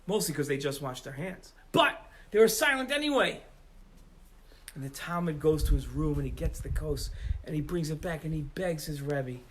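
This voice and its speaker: A man telling a story to children with animated, emphatic delivery, outdoors in the rain. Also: on the high side, moderate pace, poor audio.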